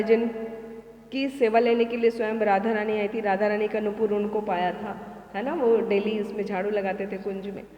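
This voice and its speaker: A woman's voice: mid-range voice, dull audio. A woman teacher telling devotional stories, who asks rhetorical questions and then answers them. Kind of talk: devotional storytelling discourse. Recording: echoey hall with long reverb.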